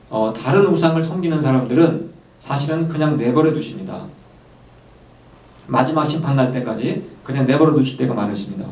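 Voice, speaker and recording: Man, pastor preaching, unhurried delivery with fillers, roomy echo, distant mic. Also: a little high, a little mellow. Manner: measured preaching with frequent hesitant "uh" fillers; slows down to read scripture aloud. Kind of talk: sermon. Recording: echoey room, voice from far off.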